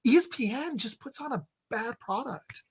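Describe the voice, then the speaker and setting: A man's voice: very high voice, expressive, normal speed, breathy edge. A man in his thirties hosting a casual sports podcast, rambling with lots of fillers and restarts. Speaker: podcast host.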